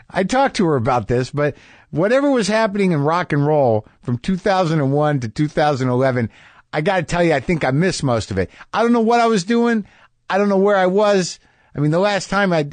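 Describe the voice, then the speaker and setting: A man's voice: a little high, no echo. Wry, rambling male podcast host. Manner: rambling, self-deprecating, wry. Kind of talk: casual conversational monologue and interview.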